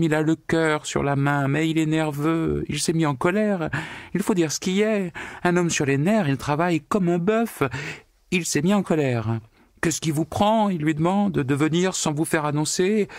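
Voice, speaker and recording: A man putting on a shrill, sobbing young secretary. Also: dry recording, clean studio sound. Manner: shrill, wailing and tearful. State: crying, nose stuffed from weeping.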